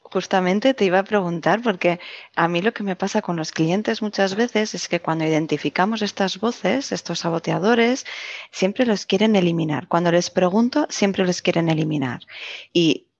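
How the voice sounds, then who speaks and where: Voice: mid-range voice, normal speed, vocal fry. An interviewer who is also a coach, asking long, carefully framed questions and listening attentively. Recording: dull, lo-fi, dry.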